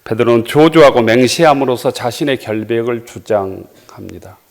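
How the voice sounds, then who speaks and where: A man delivering a sermon as pastor, reading scripture verses in a measured way and pausing with small fillers. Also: mid-range voice, creaky. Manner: frequent hesitation fillers.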